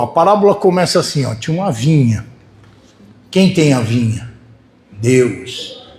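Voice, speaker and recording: A man with a Brazilian Portuguese accent preaching a sermon to his congregation in church. He speaks in a folksy way, keeps checking in with the listeners, and swings between loud and soft. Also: medium pitch, a little hiss or hum. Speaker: pastor.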